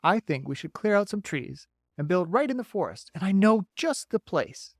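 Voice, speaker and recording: For an audiobook, a man voices a friendly, chatty male beaver eager to hand out folksy advice, using an exaggerated, high-pitched, sing-song voice above his own natural pitch. The pace is moderate, and the dry recording is studio quality.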